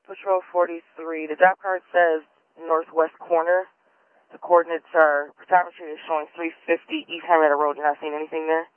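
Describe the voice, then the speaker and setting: A man working as a police dispatcher, calling units over the radio in brisk, clipped codes. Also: on the high side, level tone, smooth, no room sound. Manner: clipped, brisk code calls. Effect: police radio transmission. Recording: tinny narrowband police radio.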